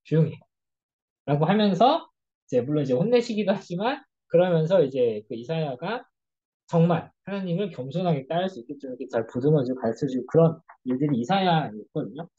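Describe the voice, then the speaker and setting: A church youth group leader gives a casual Bible study lecture, telling the story with animated delivery and acting out the quoted lines. The voice is somewhat husky and swings widely in pitch. The recording is dull and lo-fi.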